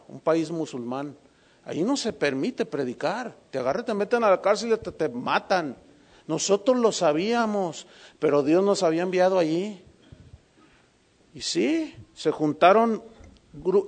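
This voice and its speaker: A man preaching a sermon, telling a personal story, swinging from hushed lines to emphatic ones. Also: on the high side.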